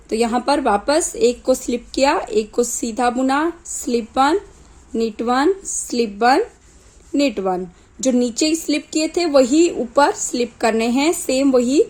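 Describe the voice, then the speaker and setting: A woman walks viewers through a knitting pattern in a calm, unhurried way, counting stitches aloud one by one. Her voice sits a little high and sounds slightly off from a sore throat, and she speaks very slowly. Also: low-quality recording. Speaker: knitting tutor. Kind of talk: slow step-by-step craft tutorial.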